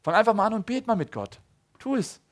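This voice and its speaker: A man in his thirties preaching a sermon, swinging between loud appeals and soft low asides, often asking the audience questions. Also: expressive, a little fast. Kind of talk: sermon to a congregation.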